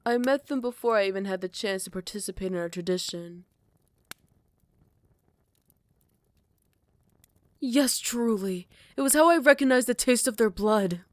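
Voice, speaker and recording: A voice actress performs a proud, centuries-old vampire queen in an ASMR roleplay, her natural voice a little high and the close-mic recording free of echo. Sounding defensive, she swings from soft whispered storytelling to sharp, scornful replies.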